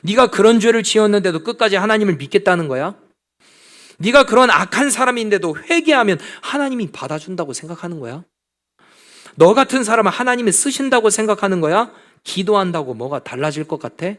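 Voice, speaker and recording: A man's voice: sits high, expressive, fairly quick, fairly bright tone, pitched above the performer's own voice. A man, a preacher, voicing a taunting, accusing male Satan figure who asks mocking questions in a sermon.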